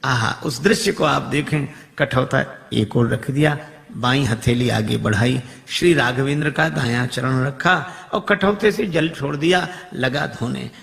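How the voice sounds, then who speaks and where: A man telling a devotional story sermon, animated and acting out the characters' dialogue in shifting voices. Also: medium pitch, measured pace, creaky. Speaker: religious storyteller. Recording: long hall reverb.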